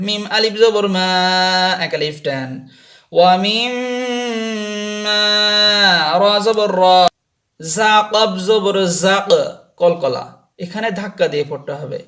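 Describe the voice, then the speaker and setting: A man teaching Quran reading, spelling out each letter and vowel mark and then repeating the word slowly. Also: high voice, lively intonation, a bit bright. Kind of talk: slow spelled-out recitation lesson.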